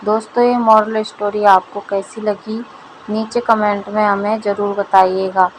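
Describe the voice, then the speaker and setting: A woman narrating a moral storybook in an even, steady reading style. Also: mid-range voice, measured pace, a little hiss or hum, poor audio.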